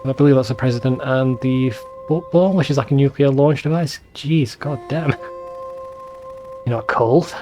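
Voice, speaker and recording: A let's play host with a warm, medium-pitched voice gives casual, sweary commentary over a video game at a moderate pace, sounding informal and bemused. Faint music plays behind him.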